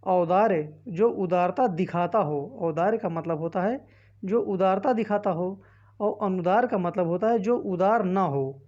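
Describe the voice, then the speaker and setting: A warm, fairly low female voice, a little slow, heard through dull audio. She teaches exam prep with a Hindi-speaking north Indian accent, reading each quiz option aloud and explaining the answer.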